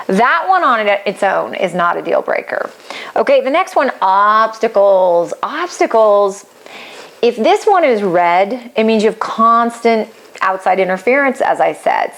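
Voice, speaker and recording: A middle-aged woman explaining a relationship compatibility report in a chatty, animated way, acting out quoted reactions and laughing lightly. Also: on the high side. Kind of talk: casual explainer talk.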